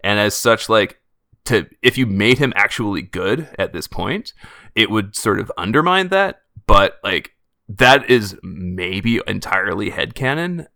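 A man's voice: on the low side, lively intonation, a little slow, creaky, bright, forceful tone, no room sound, clean studio sound. A man co-hosting a podcast in casual chat, laying out his ideas at length. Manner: thoughtful, explaining a theory at length. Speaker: podcast co-host.

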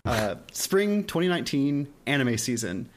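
A man's voice: mid-range voice, sing-song. Joking male podcast host. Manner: joking, quick, laughs often. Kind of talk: casual podcast chat.

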